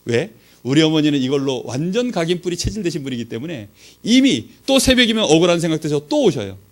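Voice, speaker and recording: A man giving a sermon-style testimony as a pastor, telling his story with rhetorical questions and acted-out dialogue. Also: mid-range voice. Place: church training session.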